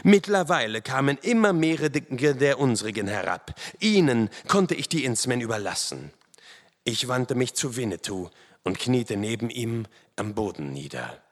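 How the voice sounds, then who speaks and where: A man reading a first-person adventure story aloud in a dramatic, expressive way. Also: mid-range voice, measured pace. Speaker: audiobook narrator. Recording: long hall reverb.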